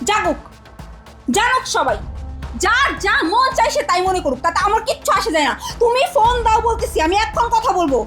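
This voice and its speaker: A woman acting a hot-tempered young wife in a TV family drama, her voice very high and her words tumbling out fast. She demands and scolds without letting up, with soft music playing underneath. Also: very animated, full character voice. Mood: furious.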